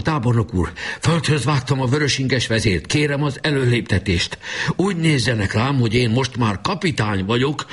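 Feverish little boy, raving, rattling breath, high strained voice, husky. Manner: hoarse, rattling raving speech. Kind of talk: audiobook reading.

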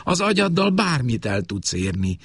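A man's voice: mid-range voice, very animated, gravelly, a bit bright, breathy edge, no room sound, pitched above the performer's own voice, heavily acted. A man voicing a preachy young adult daughter who lectures insistently. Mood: lecturing.

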